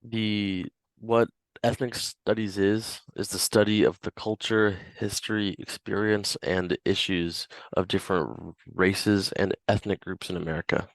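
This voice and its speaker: A young man speaking as a panelist in a casual student podcast, halting and repeating words. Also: fairly low pitch, steady tone, vocal fry, no echo.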